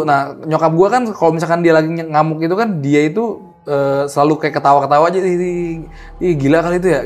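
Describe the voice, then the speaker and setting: A young man casually tells a horror story in a lively, slangy way. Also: medium pitch. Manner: animated, acts out the people in his story, slangy. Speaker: guest storyteller.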